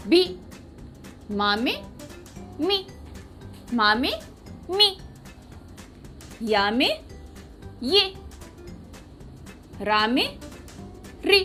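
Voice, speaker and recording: A woman's voice: on the high side, fairly bright tone. A woman teaching young children a writing lesson, patiently asking a question and repeating each sound.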